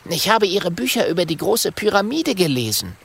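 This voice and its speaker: A man's voice: high voice, sing-song, moderate pace, gravelly, a bit bright, slightly rough, pitched above the performer's own voice, heavily acted. A man voicing a young, bookish male dragon who explains things earnestly and eagerly.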